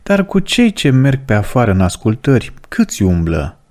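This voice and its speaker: A calm monk who keeps asking questions, read aloud by a man. His questions rise with a lively pitch. The voice sits at an ordinary height. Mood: questioning. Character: calm, inquisitive male monk.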